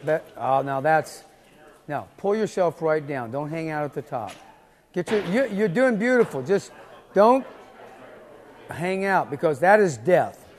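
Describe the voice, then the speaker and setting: A man's voice: on the high side, expressive, normal speed, a little hiss or hum. A man coaching a lifter live, giving insistent, repeated short commands. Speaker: weightlifting coach.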